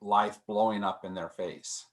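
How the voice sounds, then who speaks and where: A man's voice: fairly low pitch, fairly even intonation, measured pace. Reflective man leading a discussion. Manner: reflective, many restarts and repeated words. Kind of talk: casual group discussion.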